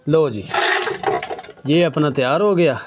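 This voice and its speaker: A man's voice: fairly high pitch, animated, slow, heavy background noise. A man with a Punjabi-influenced Urdu accent, giving a casual hands-on herbal remedy demonstration and addressing viewers as brother. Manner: casual, keeps saying "lo ji" and "bhaijaan". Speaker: herbal medicine practitioner.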